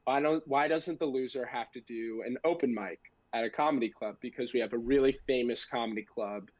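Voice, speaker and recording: A man's voice: medium pitch, a little fast, dry recording, dull audio. Casual young American man telling stories. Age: young adult. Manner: self-deprecating, joking, slangy. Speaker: guest, amateur stand-up comedian. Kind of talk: casual podcast storytelling.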